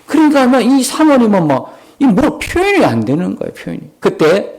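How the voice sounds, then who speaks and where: A man's voice: high voice, wildly swooping pitch, normal speed, darkish tone. A male pastor, preaching a sermon in an emphatic storytelling manner and acting out prayers in shifting tones. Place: church sanctuary.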